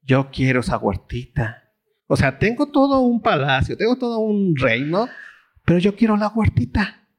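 A man's voice: high voice, very animated, normal speed, voice pushed up. A man voicing a spoiled, greedy king who whines and demands. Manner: whiny, demanding.

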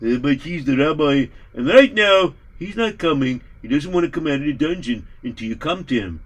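A man's voice: a little high, animated, normal speed. A man voicing a nervous, deferential male servant. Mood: hesitant.

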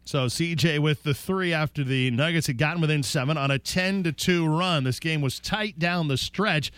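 A man's voice: on the high side, normal speed, fairly bright tone, clean tone, dry recording. A man hosting a sports broadcast, narrating a recap of a game. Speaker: sports radio host.

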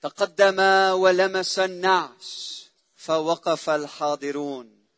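A man preaching a sermon, emotive and repetitive, swelling loud then dropping to a hush. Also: fairly high pitch, steady tone, slow, no echo, studio quality.

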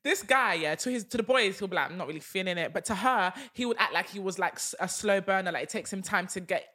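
A young woman with an urban London accent races through casual podcast chat at a middling pitch. She retells situations with emphasis and slang, slipping into quoted lines as she explains. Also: fast, bright, forceful tone. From Britain. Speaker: podcast co-host.

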